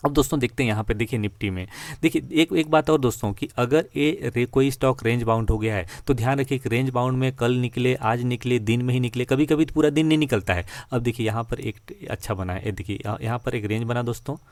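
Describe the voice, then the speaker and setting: A man's voice: medium pitch, fast, darkish tone, dry recording. A man giving a screen-share lesson on trading charts, repeating himself and often calling his viewers friends. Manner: repetitive, addresses viewers as friends. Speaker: stock trading teacher.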